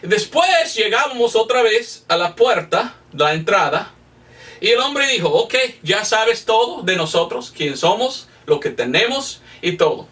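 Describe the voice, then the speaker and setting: Animated preacher. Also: male voice, high-pitched, measured pace, far from the mic. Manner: animated, acts out quoted voices. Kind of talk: sermon storytelling.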